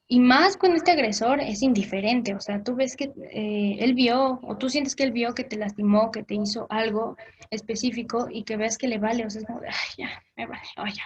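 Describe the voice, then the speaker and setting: A woman's voice: fairly high pitch, breathy edge, highs cut off. A woman gives an informal talk on forgiveness, speaking conversationally with many fillers and briefly acting out the voices she quotes.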